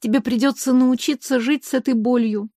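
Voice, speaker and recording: A woman voicing a gentle, sad young princess who speaks softly. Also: fairly high pitch, steady tone, brisk, no echo, clean studio sound, lightly acted. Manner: soft and gentle.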